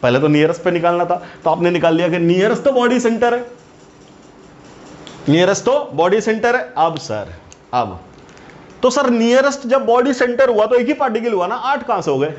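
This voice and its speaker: A man's voice: sits high, sing-song, normal speed. A male teacher giving a lecture, who keeps checking with his students and calls them "beta". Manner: keeps asking the students questions. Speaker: chemistry teacher. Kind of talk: classroom lecture. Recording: dull lo-fi recording, faint hiss.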